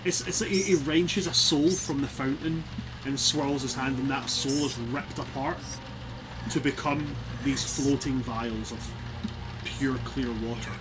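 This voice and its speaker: A man's voice: mid-range voice, steady tone, a little slow, music in the background, poor audio. A Scottish man casually narrating and chatting as the game master of a tabletop game. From Scotland.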